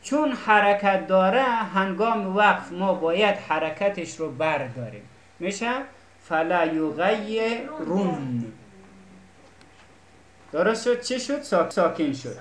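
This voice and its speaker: In an echoey classroom, a woman teaching Arabic patiently walks her students through the lesson, frequently asking if they understand. Her mid-range voice has lively intonation.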